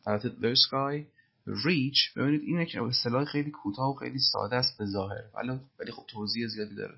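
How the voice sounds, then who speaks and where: A man's voice: medium pitch, vocal fry, husky, muffled recording. A man teaching English through film lines, explaining phrases patiently and methodically. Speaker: language teacher.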